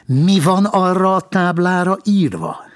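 A man's voice: sits high, very animated, pitched above the performer's own voice. A man playing a pompous, officious traffic cop. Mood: stern. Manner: officious, stern, formal. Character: stiff, pompous male traffic policeman.

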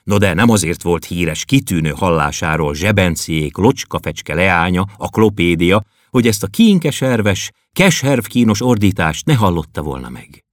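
A man reading a children's story aloud with a playful, expressive storytelling manner. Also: sits low, few pauses, no room sound, studio quality.

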